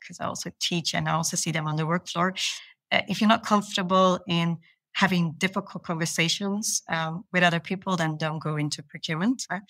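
A procurement manager from Belgium answers interview questions with enthusiasm, making small, earnest restarts. Her voice is fairly low-pitched and a bit bright, with no echo.

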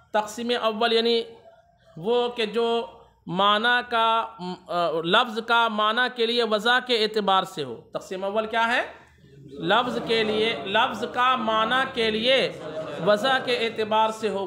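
A male religious teacher giving a classroom lecture, reading Arabic text slowly and then explaining it, often asking a question and answering it himself. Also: very high voice, sharp tone.

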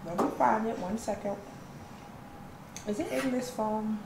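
A woman's voice: fairly high pitch, measured pace. Giggly young woman in an echoey room. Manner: loud, giggly, expressive. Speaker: guest, host's sister. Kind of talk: casual family chat. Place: living room at home. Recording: echoey room with noticeable noise.

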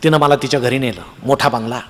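A man's voice: medium pitch, fast talker, long reverb tail. A man with a Marathi accent telling a comic story on stage, acting out the voices of the people in it. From Maharashtra, India. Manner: animated, acts out voices of the characters in the tale. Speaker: humorous storyteller.

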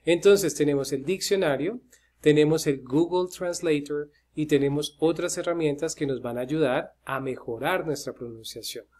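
This English pronunciation teacher has a slightly high, darkish voice. Chatty and casual, he shares his screen for a pronunciation lesson and peppers his talk to viewers with "eh."

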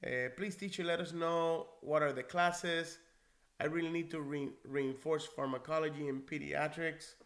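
A Cuban man in his forties, an NCLEX prep instructor, sits in a leather chair at his desk in a small office, answering viewer comments during a live-stream Q&A through a webcam mic. His bright, slightly raised, fairly high voice moves at normal speed with fairly even intonation, friendly and encouraging, conversational with restarts, while the room rings with echo.

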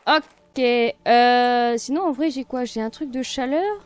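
A woman's voice: fairly high pitch, slow pace, clean tone, no echo. A woman casually commenting on her gameplay, thinking aloud and chatting to viewers and the game. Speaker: let's play streamer.

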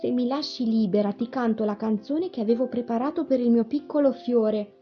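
Woman voicing a high pleading butterfly. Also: a little fast, faint music behind, close to an everyday voice. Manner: sing-song, pleading. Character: delicate frightened female butterfly. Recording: dull lo-fi radio broadcast.

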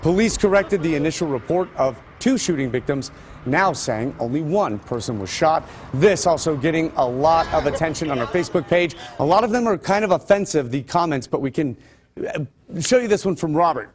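A man's voice: a little high, animated, a little fast, a little hiss or hum. A male news anchor reading local stories with loose, conversational ad-libs. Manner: loose and conversational between scripted items. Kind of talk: news reading with ad-libbed asides.

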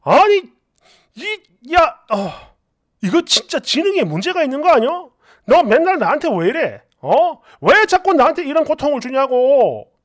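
A woman voicing an irritated, scornful husband who scolds his wife loudly. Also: sits high, huge pitch swings, a little slow, no echo, clean studio sound, heavily acted. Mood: angry. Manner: loud, exasperated scolding.

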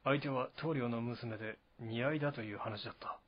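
A wary, guarded young officer, as a man reading a novel puts him on, speaking softly and low. He sits in the middle of the male range and holds his words back. The sound is dull and lo-fi. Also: a little fast, husky, lightly acted. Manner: quiet, low and restrained.

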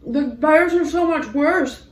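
A woman's voice: sits high, slow pace, reverberant, recorded from a distance, crowd noise. A woman chatting casually while tasting spicy candy, reacting nervously to the heat. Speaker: co-host tasting spicy snacks. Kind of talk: casual chat.

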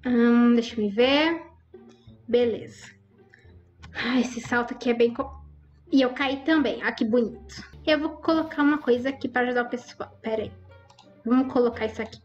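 A woman's voice: fairly high pitch, normal speed, pauses often, lo-fi sound, faint music behind. A woman giving chatty, exclaiming commentary over her Roblox gameplay and talking straight to her viewers. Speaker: gaming YouTuber.

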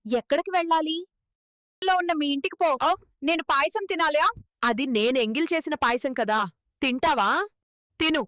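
A woman's voice: high voice, normal speed, long pauses, fairly bright tone, no echo, studio quality. A woman voicing a spoiled, jealous young house cat that bosses and boasts in a cartoon. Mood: bossy. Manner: bossy, boastful, quarrelsome. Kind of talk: cartoon voice acting.

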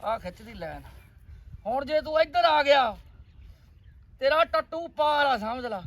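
A man in a rural comedy sketch, scolding and threatening with loud bursts, then coaxing gently. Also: extremely high pitch, animated, a little slow, distant mic, low-quality recording.

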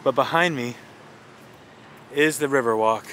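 Measured in pace, a man's slightly bright mid-range voice guides an outdoor vlog along a riverside walk. His tour commentary is laid-back and enthusiastic, and there's slight background noise.

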